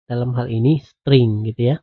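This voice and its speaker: A man giving a programming lecture while coding on screen, explaining slowly and patiently with lots of "nah" and "ya". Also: medium pitch, steady tone, husky. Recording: tinny phone-like audio.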